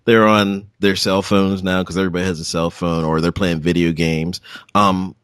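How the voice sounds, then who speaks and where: A man's voice: low-pitched, level tone, moderate pace, a bit bright, clean tone, dry recording, clean studio sound. A man hosting a podcast in a casual, conversational style, introducing and interviewing. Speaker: podcast host.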